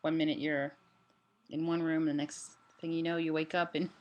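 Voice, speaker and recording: A woman giving a casual personal update in a halting way, her voice limited in range and altered by a sore, swollen throat after surgery. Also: sits low, level tone, muffled recording. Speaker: vlogger sharing a health update. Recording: clearly noisy room ambience.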